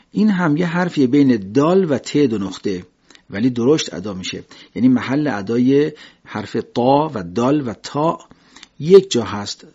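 A man teaching a lesson on Quran recitation, patiently explaining and slowly demonstrating letter sounds. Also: mid-range voice, a little mellow, slightly rough. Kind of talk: religious lesson on pronunciation. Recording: dull lo-fi recording.

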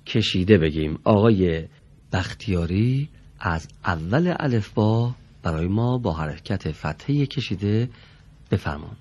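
Man, fairly low voice, Quran reading teacher, patient, polite, corrects pronunciation, classroom lesson. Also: lively intonation, a little mellow, lo-fi sound.

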